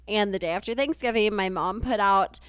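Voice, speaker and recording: A woman's voice: medium pitch, brisk, a bit bright, clean tone, dry recording. A young woman co-hosting a podcast, bubbly in casual chat and plugging the show. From southern US. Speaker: podcast co-host.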